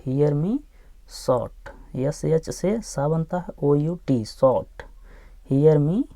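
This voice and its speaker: A man teaching English phonics, sounding out each letter slowly and repeating every word. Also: on the high side, lively intonation, warm tone, no echo. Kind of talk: slow phonics lesson, spelling words aloud.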